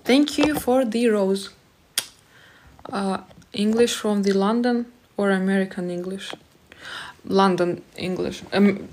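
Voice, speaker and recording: A woman's voice: mid-range voice, slight background noise. A young woman in her twenties from Moldova, with a Moldovan accent, whose first language is Romanian. She chats casually on a live stream from a small room at home, reading viewers' comments aloud and answering them. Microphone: phone held close at arm's length.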